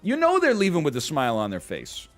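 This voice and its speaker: A man's voice: on the high side, huge pitch swings, fast talker, fairly bright tone, faint music behind. A man casually commenting on a management game he is playing, goofy and rambling, with playful exclamations. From Canada. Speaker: gaming streamer. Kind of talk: casual let's-play commentary.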